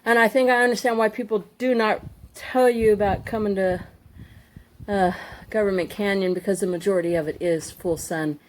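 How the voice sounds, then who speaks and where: A woman's voice: medium pitch, fairly even intonation, normal speed, slight background noise. A woman, out of breath, chatting casually on a hiking trail. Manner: chatty, rambling with fillers. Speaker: hiking vlogger. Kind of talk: casual vlog chat.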